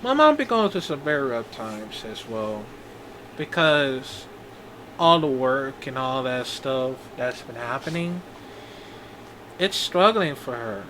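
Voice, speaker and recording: A man in his twenties talking in a personal video diary, halting and rambling with many restarts. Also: mid-range voice, sing-song, sharp tone, a little hiss or hum, poor audio. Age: 20s. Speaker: vlogger.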